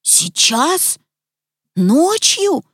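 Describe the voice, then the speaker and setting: A woman voicing a sleepy, whiny young schoolboy who pleads and stammers in a high voice. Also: lively intonation, slow pace, no echo, clean studio sound, exaggerated voice. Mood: pleading.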